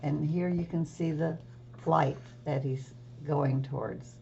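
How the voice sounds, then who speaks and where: A woman reading a picture-book trickster tale aloud for children in a measured storytelling manner, pausing to show pictures and ask questions. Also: sits low, fairly even intonation, vocal fry, warm tone, dull audio, a little hiss or hum.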